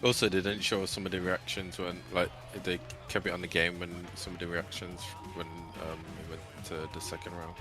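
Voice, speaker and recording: Male co-host, very low voice, slangy casual chat, music underneath. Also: monotone, brisk, hardly any pauses. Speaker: co-stream co-host.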